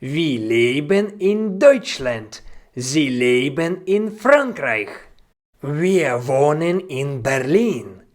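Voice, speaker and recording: A language teacher reading a scripted beginner lesson, saying each phrase slowly and repeating it along with its translation. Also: mid-range voice, a little mellow.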